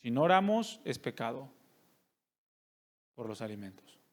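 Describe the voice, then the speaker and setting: A man's voice: medium pitch, very animated, a little slow. A male pastor, preaching a sermon and putting rhetorical questions to his congregation. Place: church service.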